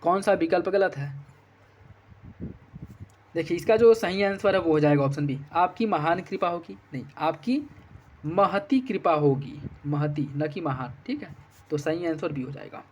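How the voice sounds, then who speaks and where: Male exam tutor, somewhat high voice, methodical and repetitive in his explanations. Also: moderate pace, darkish tone, slight background noise. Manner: repeats answers with "ठीक है" checks. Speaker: exam prep teacher. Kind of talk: explaining test answers.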